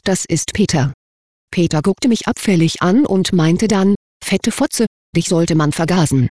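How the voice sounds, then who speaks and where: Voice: medium pitch, darkish tone, no echo. Dry, matter-of-fact confession reader. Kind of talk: scripted narration.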